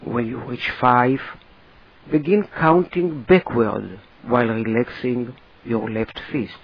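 A man guides a relaxation exercise at a very slow, deliberate pace. His voice is husky and sits at a medium pitch. He speaks in short, spaced-out instructions, and the recording sounds slightly muffled and lo-fi.

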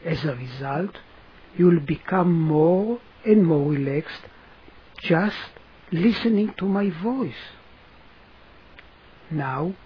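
A person guiding a relaxation session in a soothing manner, giving gentle instructions with long pauses. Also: mid-range voice, expressive, highs cut off, a little hiss or hum. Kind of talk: guided relaxation narration.

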